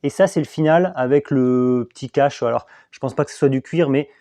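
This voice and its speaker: A man's voice: medium pitch, a little fast, dark tone, no room sound, studio quality. A man giving a casual, hands-on review of car accessories, chatty and self-mocking as he thinks aloud while testing.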